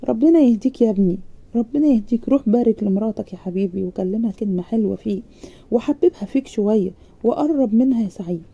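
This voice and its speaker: A kindly older father with an Egyptian accent, brushing aside every objection in a quick, insistent voice, as a woman narrator puts him on. The voice is dark and mellow, and the recording sounds dull. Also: a little high, lively intonation, gravelly, slightly rough, full character voice. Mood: coaxing. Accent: Egyptian Arabic.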